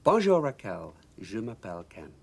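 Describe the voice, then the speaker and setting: A man's voice: lowish voice, wildly swooping pitch, moderate pace, gravelly, breathy edge, heavily acted. A man playing a patient, encouraging tutor giving a French lesson in a TV soap. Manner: encouraging teacher. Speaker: actor in a TV soap. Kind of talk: soap opera acting.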